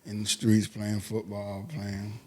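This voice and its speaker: Mellow, slangy man being interviewed. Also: fairly low pitch, completely flat delivery, slow. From New York, then Georgia from about age eleven. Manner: slangy, often tags phrases with 'you know what I mean'. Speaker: interview guest, rapper. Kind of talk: casual street-talk chat.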